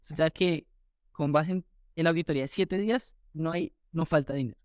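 A man from Colombia, a guest recounting his story in an interview with animated retelling and quoted dialogue. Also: fairly high pitch, brisk, no room sound, clean studio sound. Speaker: entrepreneur guest.

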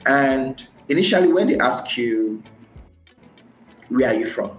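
A man from Nigeria, speaking with a Nigerian accent, relates his experiences in a conversational interview as a podcast guest, leaning on repeated phrases for emphasis. His voice is medium-pitched and animated, delivered a little slowly, against roomy echo and faint music.

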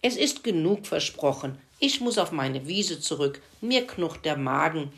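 A woman's voice: low voice, expressive, unhurried. A woman voicing an impatient, hungry female pony in a children's story.

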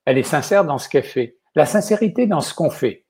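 A man's voice: fairly high pitch, expressive, a little fast, a little mellow, husky. An older man with a Quebec French accent, a chef speaking as an interview guest in a rambling way, often adding "ok?". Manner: rambling, tags sentences with "ok?". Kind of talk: casual interview talk.

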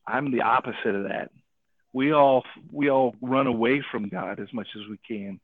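A man telling a personal story and drawing a faith lesson from it, animated, acting out the people he quotes and often adding "right?". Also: medium pitch, normal speed, slightly rough, no room sound. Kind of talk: casual radio talk. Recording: tinny phone-like radio audio.

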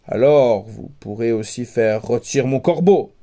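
A man's voice: medium pitch, lively intonation, a little slow, mellow, lo-fi sound, voice pushed down, lightly acted. A man doing a brash, cheeky young simpleton. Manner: blunt, brash, unruffled. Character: blunt young simpleton hero, bold and cheeky.

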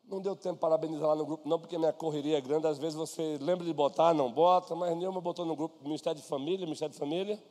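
Brazilian male pastor, high mellow voice, conversational sermon in an echoing church hall. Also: fairly even intonation, rapid-fire, few pauses. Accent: Brazilian Portuguese. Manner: conversational preaching, addresses listeners by name. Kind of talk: sermon with personal stories. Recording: long hall reverb.

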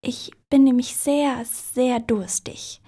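A woman's voice: a little high, slow pace, dark tone, voice pushed up. A woman voicing a very polite, timid male hare in a storybook reading, in whispered role-play with an overly courteous manner.

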